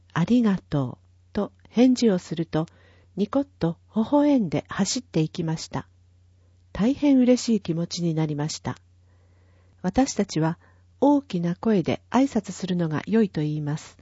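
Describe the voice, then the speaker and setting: Here a woman's fairly low, warm, husky voice carefully reads out a town newsletter, spelling each number and address one digit at a time. The audio is echo-free, dull, dry, and lo-fi.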